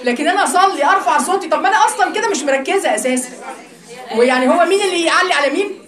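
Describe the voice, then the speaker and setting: A woman with an Egyptian Arabic accent giving a religious lesson to a group of women, talking in a lively, teasing, conversational way. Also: very high-pitched, racing, reverberant. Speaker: religious teacher.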